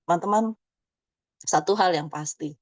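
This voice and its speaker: A woman's voice: on the low side, moderate pace, dry recording, lo-fi sound. A woman in her fifties giving a chatty motivational presentation, tagging many phrases with "ya". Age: 50s. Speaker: business presenter.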